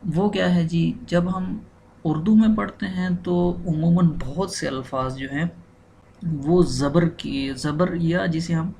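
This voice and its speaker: A male teacher, a native Urdu speaker, patiently explaining a language lesson and repeating each word slowly. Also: a little high, steady tone, gravelly, warm tone, slight background noise. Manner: patient, repeats and spells out words.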